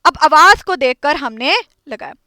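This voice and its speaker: A woman's voice: high voice, lively intonation, normal speed, sharp tone, no echo. A woman teaching an English grammar lesson, quizzing her students and repeating each point. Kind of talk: classroom lesson.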